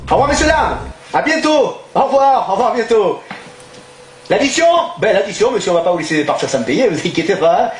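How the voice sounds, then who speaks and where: A man playing a crude, loud restaurant owner from Toulon with a southern French accent, swinging between fake charm and insults in a live stand-up sketch. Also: high-pitched, animated, a little fast, soft background music. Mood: fawning. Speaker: stand-up comedian. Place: theatre stage before an audience. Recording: echoey live hall.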